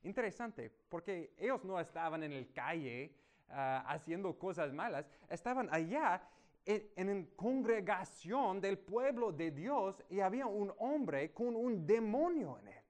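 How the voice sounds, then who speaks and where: A man preaching a sermon, teaching through a Bible passage verse by verse and raising his voice for emphasis. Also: unhurried. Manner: animated, rises in pitch and volume for emphasis.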